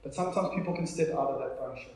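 A South African man in his thirties, a pastor, preaches an informal sermon to his congregation in a very echoey room during a live service. His voice is a little high with a darkish tone, and he talks rapid-fire, conversational and emphatic, repeating phrases for effect as he tells personal stories.

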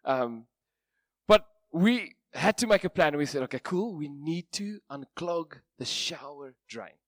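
A man with an Afrikaans accent, a native Afrikaans speaker, gives an informal sermon in a hoarse, strained voice with a self-deprecating, jokey manner. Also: on the high side, lively intonation, measured pace, no echo, studio quality. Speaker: preacher.

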